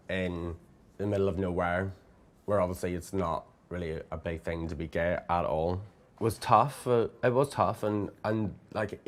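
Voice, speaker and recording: A young man, a drag performer, telling his own story candidly in a documentary interview, reflective and full of "like" fillers. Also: low-pitched. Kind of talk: personal testimony in a documentary.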